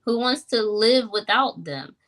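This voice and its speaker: A woman's voice: on the high side, lively intonation, measured pace, fairly bright tone. Woman, thirties, personal testimony, earnest, reflective, conversational fillers. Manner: reflective, earnest, many fillers like "like" and "you know". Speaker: guest sharing her story.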